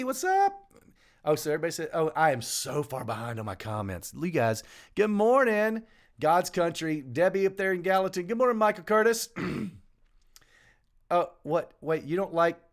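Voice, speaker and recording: A man hosting a casual live morning stream from a small home studio, jokey and animated as he greets viewers by name. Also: on the high side. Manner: animated, jokey, shouting out names.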